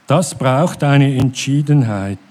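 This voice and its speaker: A middle-aged man giving a sermon at a church service, speaking in a calm, contemplative way. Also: medium pitch, slow.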